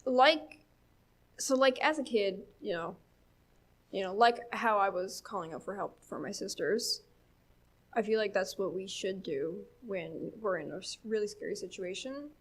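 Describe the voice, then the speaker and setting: A woman's voice: medium pitch, animated, a little slow, slightly rough. A young woman with a Newfoundland accent telling a story at church, chatty, with lots of fillers and laughs. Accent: Newfoundland English. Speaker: church speaker. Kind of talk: casual storytelling talk.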